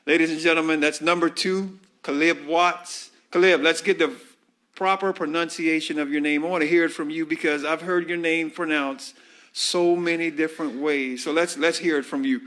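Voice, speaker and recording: A man's voice: a little high, fairly even intonation, moderate pace, fairly bright tone. Chatty man interviewing a player. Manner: friendly, rambling questions with many fillers. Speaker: sideline interviewer at a high school football broadcast. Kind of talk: halftime interview.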